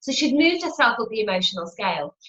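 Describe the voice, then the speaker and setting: A woman's voice: on the high side, sing-song, fast talker, fairly bright tone. A woman giving a chatty motivational teaching talk as a spiritual teacher, repeating her phrases and acting out inner voices. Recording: roomy, dull lo-fi home video.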